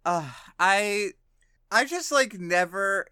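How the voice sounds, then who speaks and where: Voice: mid-range voice, animated, takes it slowly, bright, forceful tone, smooth, no room sound. Dry, teasing podcast co-host voice. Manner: dry, teasing, wry commentary. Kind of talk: casual chat.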